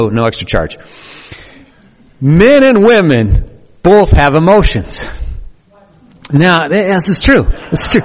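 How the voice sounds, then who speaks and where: A man preaching a sermon earnestly, with playful asides to the congregation. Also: medium pitch. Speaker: pastor. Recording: long hall reverb.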